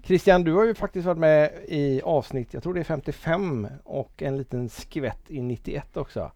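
A man's voice: fairly high pitch, mellow, no room sound. Cheerful male podcast host, dry sound. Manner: cheerful, laughs often. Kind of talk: casual chat.

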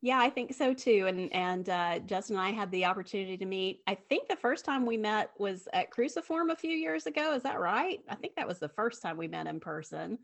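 A woman with a medium-pitched voice speaks as a podcast co-host. Her delivery is casual and conversational. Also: animated, a little fast, creaky, hardly any pauses.

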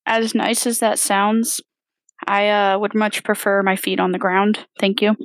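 Poised, formal lady traveller, played by a woman, tabletop fantasy, measured and courteous, dry recording. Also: medium pitch, little pitch movement, dry recording, lightly acted. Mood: politely declining.

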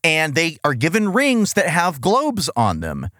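Male podcast co-host: casual, exasperated, sweary, animated pitch, dry close sound. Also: unhurried, dry recording. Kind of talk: casual comic review chat.

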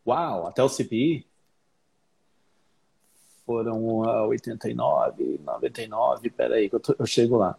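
A man's voice: mid-range voice, expressive, a little slow, vocal fry, long pauses, mellow, husky. A man from Brazil, an English teacher, chatting as an interview guest and acting out his own past thoughts as he tells stories. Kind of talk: casual interview chat.

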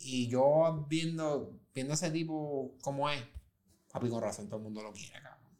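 A man's voice: mid-range voice, normal speed, darkish tone. A man chatting casually in a recording studio, telling stories in a loose, slangy way with many restarts. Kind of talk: casual chat.

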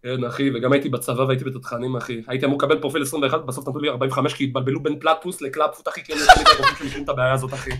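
A young man in casual podcast chat, swearing often and telling a personal story with animated energy. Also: mid-range voice, hardly any pauses. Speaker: podcast guest streamer.

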